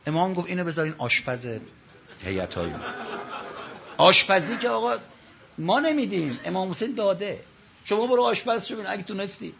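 A man preaching a religious sermon from the pulpit, telling stories and swinging between loud calls and low asides. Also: creaky, husky, lo-fi sound.

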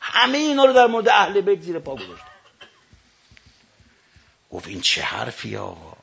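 Male preacher, sermon storytelling, raspy fry in the voice, hushed then booming, slow drawn-out recitations, dull lo-fi recording. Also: huge pitch swings, slight background noise. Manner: swings from hushed storytelling to loud declaiming.

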